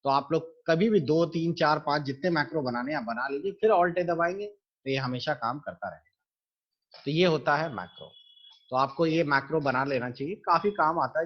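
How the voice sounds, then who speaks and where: Male computer teacher for a screen-recorded lesson, patient and methodical, somewhat higher voice, muffled home mic. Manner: patient, explains step by step to students.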